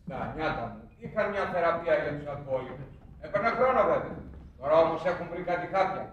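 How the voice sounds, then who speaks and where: An actor playing a measured family doctor in a stage drama, formal and hesitant as he breaks bad news. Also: a little high, expressive, dull audio, natural voice. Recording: roomy stage sound, faint hiss.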